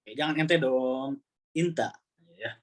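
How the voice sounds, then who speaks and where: A man teaching an online Arabic class over a video call, relaxed and chatty, often repeating words as he explains. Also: medium pitch, a little slow.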